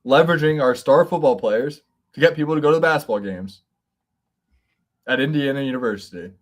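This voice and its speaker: A man co-hosting a casual sports podcast, excitable, laughing often and repeating words. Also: medium pitch, fairly quick. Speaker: podcast co-host.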